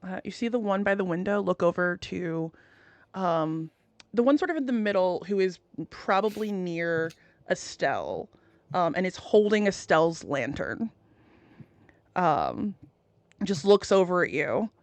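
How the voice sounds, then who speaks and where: A woman's voice: on the low side, animated, a little slow, dry recording. Casual woman game master, dry close sound. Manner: informal, sweary. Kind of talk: improvised tabletop game narration, casual.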